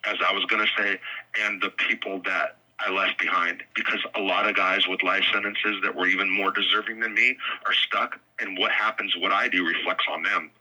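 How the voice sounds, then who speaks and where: Harsh, raspy man on a prison phone. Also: sits low, steady tone, bright, forceful tone. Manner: halting, often repeating words. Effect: prison phone line. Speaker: interview guest calling from jail. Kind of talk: candid confessional conversation.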